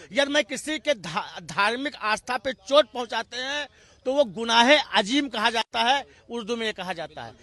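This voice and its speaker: High, bright-voiced man arguing heatedly. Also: no echo. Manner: impassioned, rhetorical lists. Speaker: Congress party spokesman. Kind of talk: heated TV debate argument.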